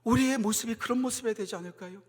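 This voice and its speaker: A male pastor preaching at a Friday prayer meeting. He shifts from soft, low talk to loud, impassioned exhortation. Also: fast talker. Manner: acts out mocking voices in storytelling. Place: church sanctuary. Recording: reverberant church hall.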